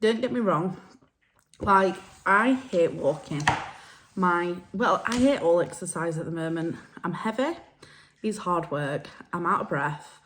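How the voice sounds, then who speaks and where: A woman's voice: on the low side, lively intonation, measured pace, background noise. A woman, chatting frankly and self-deprecatingly in a casual vlog recorded on a phone held at arm's length. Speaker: vlogger.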